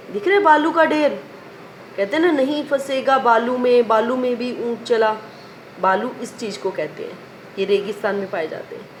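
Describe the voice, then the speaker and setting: A woman's voice: mid-range voice, a little hiss or hum. A woman teacher reciting a children's poem in a sing-song way, asking questions and answering them herself. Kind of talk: primary school lesson recitation.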